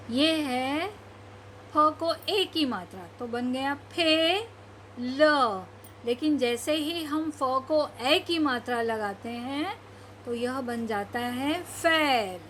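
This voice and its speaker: A woman teaching a children's reading lesson, stretching each word out slowly and then explaining its meaning to the class. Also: high voice, a bit bright, a little hiss or hum. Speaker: primary school Hindi teacher.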